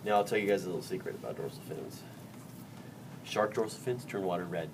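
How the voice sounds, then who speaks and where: A man's voice: sits low, a little fast, vocal fry. A man teaching a biology class during a dissection, joking and quizzing his students. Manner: jokey, chatty, quizzes the class. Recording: distant mic in a noisy classroom.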